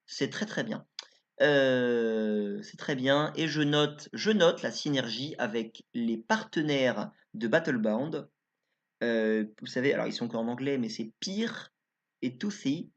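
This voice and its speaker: A man's voice: mid-range voice, slow pace. A man giving casual card review commentary as a YouTuber, chatty and informal, thinking aloud as he goes. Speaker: YouTuber reviewing game cards. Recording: slightly dull lo-fi recording.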